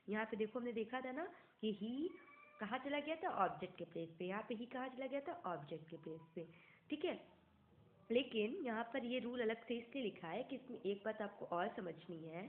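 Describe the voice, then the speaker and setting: A woman teaching an English grammar lesson in Hindi, explaining patiently, asking if things are clear and reading English example sentences slowly, with a slightly sore throat. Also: medium pitch, a little hiss or hum. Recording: echoey room, tinny phone-like sound.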